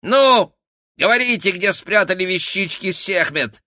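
Felix, a squeaky rat-like bandit. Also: male voice, a little slow, no echo, studio quality, full character voice. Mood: taunting. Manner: shrill, excited, squealing. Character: squeaky, greedy rat-like bald male bandit. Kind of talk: audiobook character voice.

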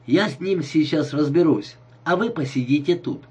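A man reading an audiobook, voicing a smooth-talking seducer with a suave, falsely sympathetic manner. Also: on the high side, animated, normal speed, darkish tone.

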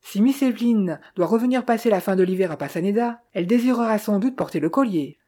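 A woman's voice: medium pitch, expressive, quick pace, mellow, natural voice. A woman reading the lines of a cold, unctuously polite male secretary in an audiobook.

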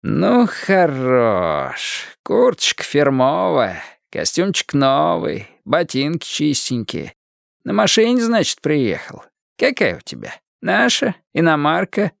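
A man's voice: a little high, huge pitch swings, takes it slowly, creaky, no echo, clean studio sound, voice pushed up, full character voice. A man voicing a cranky old male watchman who mocks and barks orders, in an audiobook. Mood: mocking. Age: older. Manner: shouting, mocking, bossy. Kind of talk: audiobook character voice.

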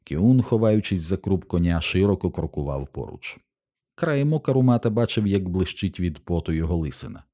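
Man, audiobook narrator, deep mellow voice, steady measured reading. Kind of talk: scripted narration.

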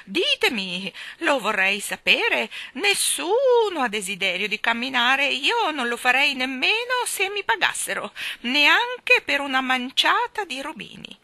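A woman voicing an eccentric, bossy old woman with a shrill, squawking voice, speaking in emphatic, drawn-out exclamations. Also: very animated, sharp tone, dry recording, heavily acted.

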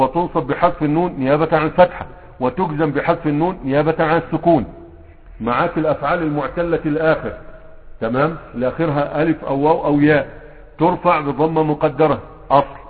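A man with an Egyptian accent teaching a grammar class, constantly quizzing his students with rhetorical questions. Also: a little high. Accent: Egyptian Arabic. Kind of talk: classroom lesson. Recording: tinny phone-like sound with long hall reverb.

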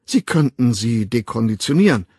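A man voicing a stern, brisk female nurse who scolds primly in an audiobook. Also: medium pitch, very animated, a little mellow, slightly rough, dry recording, clean studio sound. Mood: reproachful. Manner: scolding, prim.

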